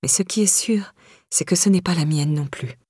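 A stern laundry boss at the end of her patience, as a woman reads her, curt and scolding. The voice sits close and dry, with a slightly breathy edge. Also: on the low side, normal speed, mellow, dry recording. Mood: exasperated.

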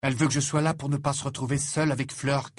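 A bold, outspoken teenage girl, as a man reads her aloud, blunt and scornful in a raised, lively voice. The voice has a husky, dry edge. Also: fairly high pitch, moderate pace, no echo, pitched above the performer's own voice. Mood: indignant.

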